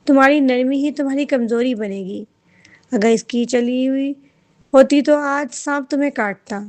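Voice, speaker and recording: A harsh, commanding middle-aged father from a storybook, curt and stern, read by a woman. The voice stays high-pitched, close to the reader's own, with the anger carried by the words. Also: a little mellow, natural voice. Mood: angry, curt.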